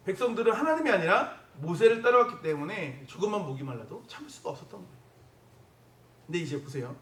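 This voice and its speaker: Male pastor, high, animated delivery, heard from afar in a reverberant sanctuary. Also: a little fast, long pauses. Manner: conversational preaching with rhetorical questions to the congregation. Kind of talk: sermon. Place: church sanctuary. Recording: echoey church hall from a distance.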